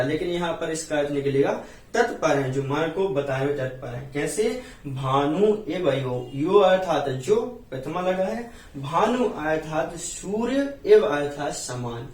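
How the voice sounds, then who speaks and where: A man's voice: on the high side, lively intonation. Hindi-accented man teaching in a roomy space. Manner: explains word by word, chants verses slowly. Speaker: Jain scripture teacher. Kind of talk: teaching Sanskrit hymn recitation and meaning. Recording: roomy echo, distant from mic.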